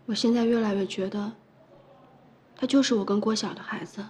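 An actress playing an anxious young mother in a TV drama, speaking softly. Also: mid-range voice, fairly even intonation, brisk, slight background noise, close to an everyday voice. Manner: soft, anxious, soothing. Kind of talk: TV drama acting.

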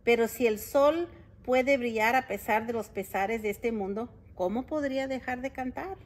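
Woman doing a stubborn little rooster, high and chirpy, cheerful, earnest, storybook. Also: normal speed, natural voice. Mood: defiant cheerful.

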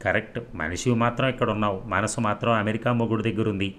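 A man's voice: fairly low pitch, fairly even intonation, fast talker, fairly bright tone, a little hiss or hum, close to an everyday voice. A man voicing a catty young woman who mocks her friends. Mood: mocking. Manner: mocking, snappy.

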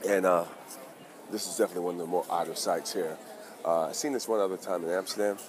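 A man hosting a casual street vlog outdoors, talking excitedly and in slang straight to his viewers. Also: low-pitched, fast. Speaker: vlog host. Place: outdoors on busy town streets. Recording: busy street crowd and noise.

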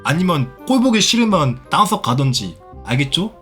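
A man's voice: fairly high pitch, very animated, moderate pace, a bit bright, soft background music. A young man streaming a game, scolding and mocking a rude player with sarcasm and the odd swear word. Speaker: Roblox streamer. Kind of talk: live gameplay commentary.

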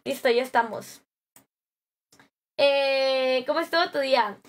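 Young woman, Mexican accent, high voice, slightly hoarse, bubbly slangy stream chat. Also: unhurried. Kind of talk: live stream chat, greeting viewers and reading comments.

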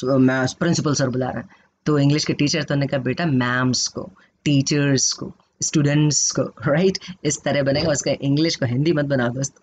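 Indian man teaching an English class. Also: medium pitch. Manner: lively, quizzing students, switching between Hindi and English. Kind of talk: online class lecture. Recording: dull lo-fi sound with faint noise.

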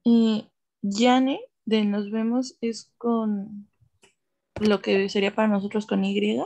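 Slow, gravelly-voiced woman student. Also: medium pitch, level tone, warm tone. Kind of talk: asking questions in class.

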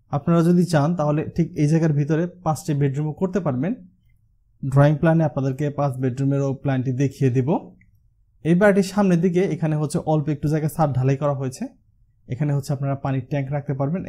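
Fast-talking Bangladeshi house designer. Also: male voice, on the high side, mellow. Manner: walkthrough explanation with the filler হচ্ছে used often. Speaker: house designer presenting his channel. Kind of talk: explaining a house design over a 3D model.

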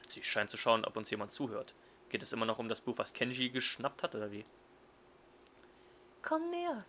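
A man reading a visual novel aloud as a let's player, in an expressive storytelling style. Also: medium pitch, a little hiss or hum.

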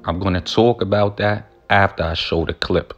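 A man's voice: sits low, fairly even intonation, moderate pace, soft background music. A man hosting video commentary, explaining things casually. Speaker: channel host.

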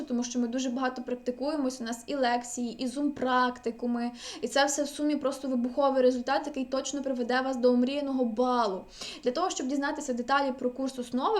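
Female tutor, high-pitched, energetic, recorded online lecture. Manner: energetic, checks in with "так?" often. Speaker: language teacher. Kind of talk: online exam-prep lecture.

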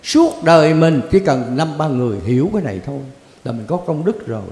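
A man's voice: fairly high pitch, expressive, brisk, warm tone. An older man, a Zen teacher answering questions in a blunt, colloquial way with chuckling asides. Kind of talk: answering questions in a Dharma talk. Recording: echoey hall with long reverb.

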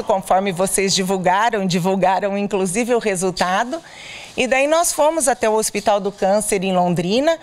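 A middle-aged woman volunteer interviewed at a charity bazaar, explaining earnestly with frequent hesitations into a handheld mic. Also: mid-range voice. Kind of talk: on-camera interview. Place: indoors at a clothing bazaar. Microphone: handheld reporter mic.

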